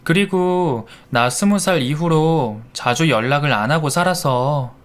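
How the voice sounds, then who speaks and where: A man voicing a gentle young wife in a Korean radio drama, speaking softly and politely. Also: a little high, lively intonation, measured pace. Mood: apologetic.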